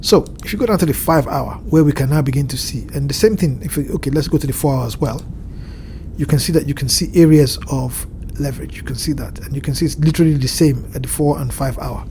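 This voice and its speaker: A congested man with a dark, slightly nasal voice pitched fairly high, his nose blocked from a cold. He's a crypto market analyst from the Southern Hemisphere doing a screen-share chart walkthrough from home, indoors, in the evening, with slight background noise. His delivery is measured and explanatory, full of ums and restarts.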